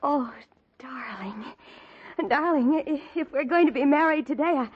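An actress playing a young movie star sweetheart, dramatic and emotional, in an old-time radio melodrama. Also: female voice, high-pitched, measured pace. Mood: tender, happy. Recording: dull, lo-fi old radio recording.

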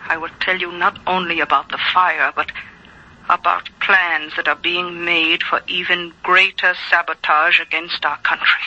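An actor playing a guarded, mysterious informant speaking formally and deliberately over the telephone in a 1940s radio drama. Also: male voice, high voice, sharp tone, exaggerated voice. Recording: tinny, band-limited old radio phone voice.

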